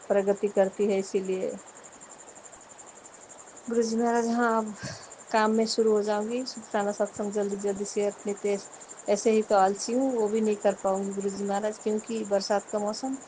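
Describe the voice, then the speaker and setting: A woman's voice: mid-range voice, warm tone, slight background noise, poor audio. A middle-aged woman talking to her guru about her day. Her talk is homely and rambling, and she keeps addressing the guru. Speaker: devotee.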